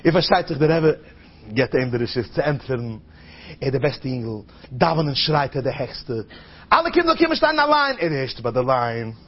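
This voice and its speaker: A man's voice: normal speed, husky. A man preaching. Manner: storytelling, acting out a child's high, crying voice. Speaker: rabbi giving a talk. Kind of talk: Yiddish-flavored sermon. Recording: dull lo-fi recording.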